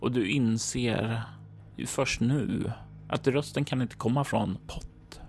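A man narrating as game master, describing scenes to the player in a calm second-person voice. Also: medium pitch, vocal fry. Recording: faint music behind.

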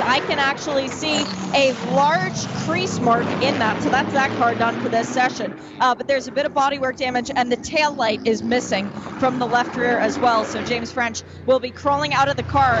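A woman reporting live as a motorsport pit reporter, describing what she sees. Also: high-pitched. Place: live trackside at a race circuit. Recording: dull band-limited broadcast, loud car noise.

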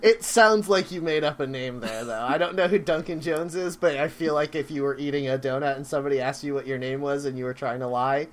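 A man's voice: on the high side, brisk, few pauses, a little hiss or hum. A man hosting a podcast, chatting casually and bantering. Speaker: podcast host.

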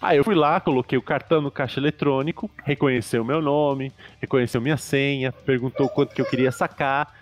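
A man tells a long story in a relaxed podcast chat. He slips into quoted voices as he goes, animated and eager to get to the point. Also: medium pitch, fairly quick, few pauses. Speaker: storyteller guest.

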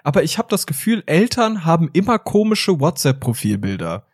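A man in his twenties, co-hosting a podcast in casual chat, telling animated stories. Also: on the high side, fairly quick, breathy edge, no echo, studio quality. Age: 20s. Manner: animated storytelling with acted quotes. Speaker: podcast host.

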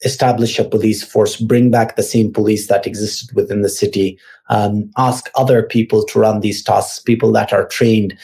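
A man from Afghanistan speaks as an interview guest, pausing often and restarting his sentences. His voice sits low and mellow, and his delivery stays flat and even. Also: creaky, breathy edge. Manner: hesitant, many fillers and restarts. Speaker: guest analyst; university teacher. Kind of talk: interview answers.

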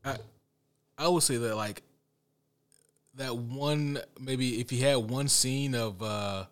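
A man's voice: mid-range voice, takes it slowly. A man co-hosting a casual podcast chat, blunt and swearing, often restarting his sentences. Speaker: podcast co-host. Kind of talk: casual chat ranking movie villains.

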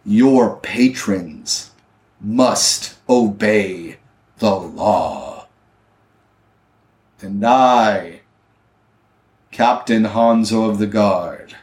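A man voicing a stern, menacing armored guard captain who delivers measured threats. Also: fairly low pitch, darkish tone. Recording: roomy echo.

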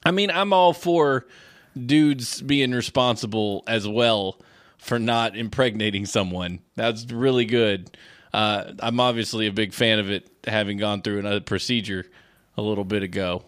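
A man's voice: lowish voice, moderate pace, no echo, clean studio sound. A man in his thirties co-hosting a podcast, chatting casually and acting out quotes as he tells stories. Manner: animated storyteller, acts out quotes. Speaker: podcast co-host.

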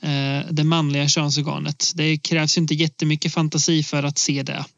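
Higher-voiced man on a dull, dry line. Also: creaky, no echo. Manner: relaxed, laughs a lot, many hesitations. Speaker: podcast co-host. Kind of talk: casual film podcast chat.

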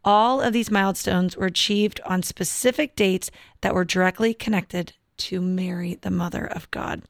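A woman co-hosting a faith podcast, reading a guest introduction in a measured, earnest way. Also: medium pitch, gravelly, fairly bright tone, no echo, studio quality. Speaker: podcast co-host. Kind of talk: scripted introduction and interviewing.

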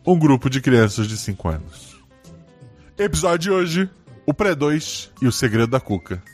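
A man's voice: mid-range voice, sing-song, moderate pace, soft background music. A man with a Brazilian accent hosting a story game podcast, narrating as game master.

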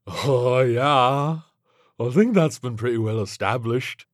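A man doing a slow, laid-back tentacled alien. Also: medium pitch, no room sound, studio quality, voice pushed up, close to an everyday voice. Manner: drawling, slangy and unbothered.

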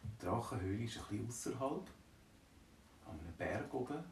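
A man's voice: on the low side, expressive, a little fast, creaky, a little hiss or hum. A man with a Swiss German accent telling an improvised, playful bedtime story. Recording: roomy, distant from mic.

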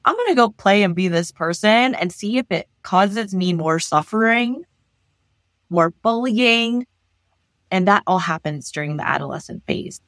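A woman therapist from Los Angeles, talking in an animated way in an interview and often restarting her sentences. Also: mid-range voice, a little slow, dry recording. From Los Angeles, United States. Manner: animated, thinks aloud with frequent restarts. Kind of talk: conversational interview.

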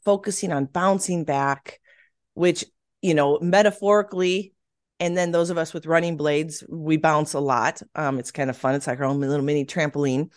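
A woman's voice: sits low, fairly even intonation, moderate pace. A woman hosting a podcast, chatting eagerly and casually with a guest, with many fillers. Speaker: podcast host. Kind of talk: casual interview chat.

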